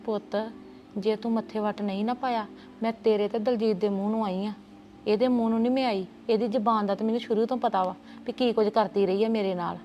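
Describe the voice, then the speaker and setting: A woman's voice: medium pitch, steady tone, fast, muffled recording, a little hiss or hum. A woman playing an aunt in a family drama, soothing at first and turning indignant. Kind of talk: Punjabi family drama dialogue.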